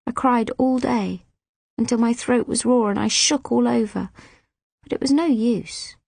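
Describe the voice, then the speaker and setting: A woman narrates a children's novel in the first person with expressive, emotive storytelling. Her voice is fairly high and husky with a gravelly edge, recorded close and dry. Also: a little slow, no echo. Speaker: audiobook reader.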